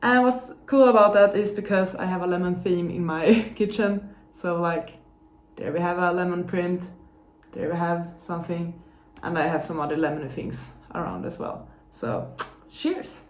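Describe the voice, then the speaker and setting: A woman's voice: on the low side, fairly even intonation, moderate pace, a little mellow, a little hiss or hum. A woman talking casually as a reading vlogger, in a rambling, self-questioning way full of hedges. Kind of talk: casual vlog chat.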